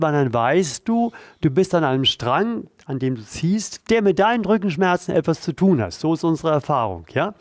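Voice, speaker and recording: A man's voice: on the high side, a little mellow, dry recording. A man leading a back-stretching exercise, addressing the viewer directly and encouragingly as he coaches a partner through it. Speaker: pain therapist leading exercises. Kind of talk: instructional exercise demonstration.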